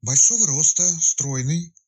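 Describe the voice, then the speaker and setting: A man voicing a sleepy, grumbling village woman woken in the night, in a raised pitch and a slightly husky voice. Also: expressive, measured pace, warm tone, full character voice. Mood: sleepy chatty. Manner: grumbling, then frightened and chatty.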